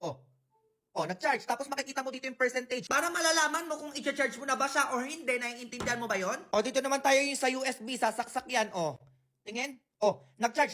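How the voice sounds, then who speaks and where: Quick, high-voiced woman selling. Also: fairly bright tone, reverberant. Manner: teasing, playfully insulting viewers. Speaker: online seller. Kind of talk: product review and sales pitch.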